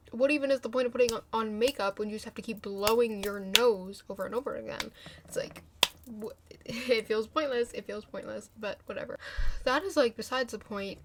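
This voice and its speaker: A woman's voice: fairly high pitch, a bit bright. A young woman in her twenties with a stuffy nose from a cold, ranting frankly to her camera in a casual vlog, rambling and mocking herself. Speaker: vlogger.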